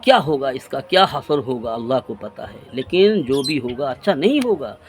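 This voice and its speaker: A man's voice: mid-range voice, sing-song, moderate pace, soft background music. A man in his forties delivering an earnest, reproachful religious sermon to his friends, piling up repeated phrases. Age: 40s. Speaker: preacher.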